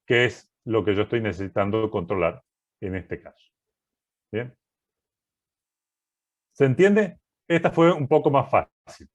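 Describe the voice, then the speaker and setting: Male programming teacher, unhurried delivery, methodical, keeps checking in with the class. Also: medium pitch, lo-fi sound. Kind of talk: recorded class walking through code.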